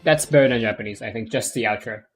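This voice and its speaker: Over faint music, a mid-range male voice talks quickly through casual gaming commentary. He rambles as he streams, restarting himself often and leaning on plenty of fillers.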